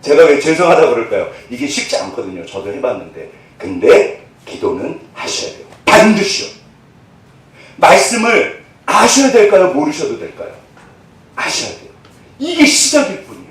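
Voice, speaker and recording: A man's voice: on the high side, very animated, normal speed, very echoey, recorded from a distance, rough recording. A male pastor preaching a sermon, asking the congregation questions and answering them himself.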